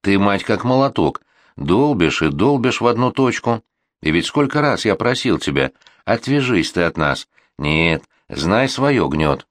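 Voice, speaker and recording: Audiobook: tired, firm middle-aged dad, read by a man, a bit raised from a low voice, dry close sound. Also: big pitch swings, a little slow, no echo. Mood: exasperated. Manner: reasoning, tired insistence. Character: exasperated middle-aged father, patient but firm. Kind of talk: audiobook reading.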